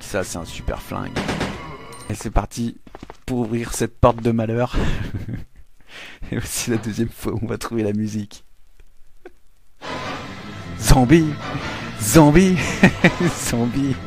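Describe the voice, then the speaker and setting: Excitable man streaming a game. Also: on the low side, unhurried, gravelly. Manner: excitable, swears and laughs often. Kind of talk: live gameplay commentary. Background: game music.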